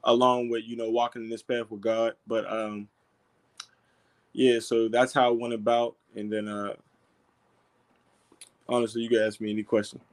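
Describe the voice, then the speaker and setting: Relaxed young man, lots of fillers. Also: medium pitch, moderate pace, pauses often. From Pittsburgh. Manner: relaxed, filler-heavy, lots of "you know". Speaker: guest football player. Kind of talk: casual interview.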